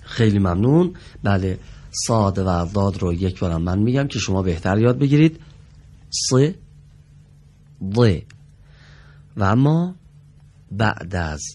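A deep, low-pitched man with a husky, slightly grainy voice leads a televised recitation lesson from a studio. He speaks slowly and carefully, stretching out each sound so viewers can copy it. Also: warm tone. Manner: slow and careful, drawing out sounds to demonstrate them. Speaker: Quran recitation teacher.

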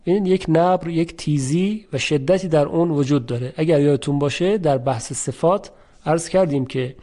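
Man teaching Quran pronunciation slowly. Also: fairly high pitch, mellow. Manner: slow, careful, demonstrates sounds by repeating them. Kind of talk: tajweed lesson.

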